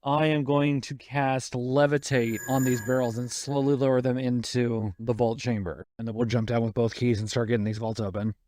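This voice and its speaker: A man's voice: medium pitch, flat delivery, moderate pace, few pauses, dark tone, a little hiss or hum. A man playing in a tabletop game, talking through his character's plans in casual speech. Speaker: player.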